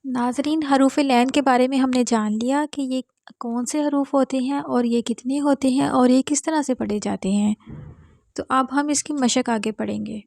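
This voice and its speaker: A woman teaching Quran reading, explaining patiently and spelling out each letter slowly, repeating every drill twice. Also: high-pitched, steady tone, gravelly, a little mellow, no room sound, clean studio sound. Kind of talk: step-by-step recitation lesson.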